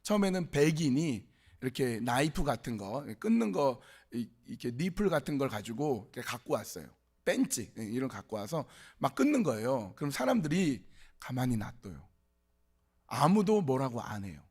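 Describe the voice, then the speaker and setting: A man's voice: medium pitch, sing-song, normal speed, darkish tone, slightly rough. A man preaching a sermon at a youth service, telling stories in a conversational way and acting out the quotes. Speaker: pastor.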